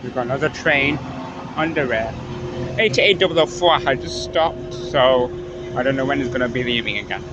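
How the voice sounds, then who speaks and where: A man's voice: mid-range voice, moderate pace, over music. A man giving casual running commentary on a railway platform, reading out train numbers as a spotter. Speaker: trainspotting video maker. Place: outdoors on railway station platform. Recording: dull sound, clear train noise.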